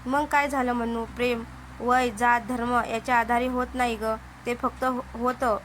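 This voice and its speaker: A woman's voice: on the high side, flat delivery, moderate pace, a little hiss or hum, lightly acted. A woman voicing a confident young male office boss who coaxes and insists. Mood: persuasive. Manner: coaxing, insistent.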